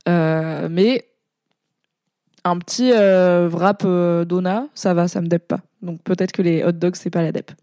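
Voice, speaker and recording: A woman's voice: fairly low pitch, steady tone, unhurried, mellow, no echo, clean studio sound. A woman streamer in casual live chat, rambling along with many fillers and asides as she reacts to comments. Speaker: streamer and content creator.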